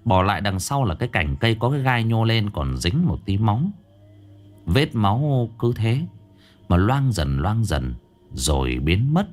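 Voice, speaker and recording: Male horror narrator, low and expressive. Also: moderate pace. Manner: dramatic, drops pitch for suspense. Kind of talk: scripted narration. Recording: faint background music.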